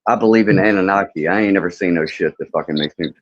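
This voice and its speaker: A man's voice: low-pitched, fast talker. A man in his fifties hosting a casual open-panel chat, blunt, profane and rambling. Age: 50s. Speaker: host of an open panel stream. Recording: muffled lo-fi audio.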